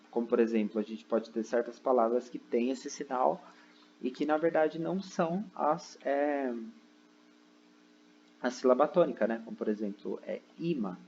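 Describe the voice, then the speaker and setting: Seated at a computer indoors, a male teacher walks through a recorded online lesson step by step, constantly checking in with "né?" and "ok?". His mid-range voice has a darkish tone, and the muffled recording carries a little hiss or hum.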